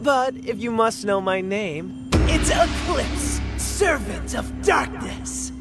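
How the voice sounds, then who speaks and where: A woman's voice: a little high, lively intonation, slow, over loud music. Eclipse, a woman playing a pompous male villain. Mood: grandiose. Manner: grandiose villain boasting. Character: pompous male dark villain, bumbling and theatrical. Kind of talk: comedy animation voice acting.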